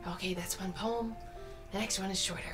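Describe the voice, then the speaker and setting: A woman voicing an odd, brooding male fisherman in whispered role-play, with a breathy whisper and slow, hushed recitation. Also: medium pitch, fairly even intonation, lightly acted. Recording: music playing clearly behind.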